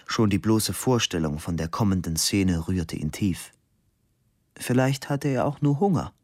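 A man reading a novel aloud as narrator, calm and measured. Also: low voice, no echo, studio quality. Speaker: audiobook narrator. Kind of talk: scripted narration.

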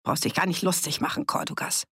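A reader voicing a loud blustering village rabble-rouser. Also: male voice, high voice, sing-song, quick pace, breathy edge, dry recording, studio quality, exaggerated voice. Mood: agitated. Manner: loud, rabble-rousing, boastful. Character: blustering village man stirring up a pub crowd. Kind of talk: audiobook character reading.

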